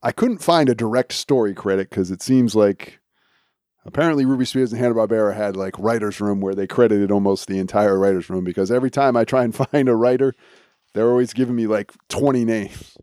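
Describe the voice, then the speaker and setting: A man's voice: fairly low pitch, fairly quick, warm tone, no room sound, studio quality. A man hosting a podcast in a casual, chatty style. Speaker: podcast host. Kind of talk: casual chat.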